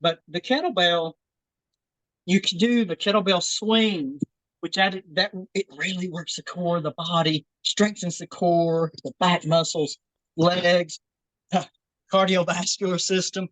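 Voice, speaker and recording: A woman's voice: on the low side, steady tone, a little slow, fairly bright tone, no echo, rough recording. A woman leading a workout on a video call, slightly out of breath, encouraging and repeating that people should keep it simple. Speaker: fitness instructor. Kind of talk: workout demonstration and advice.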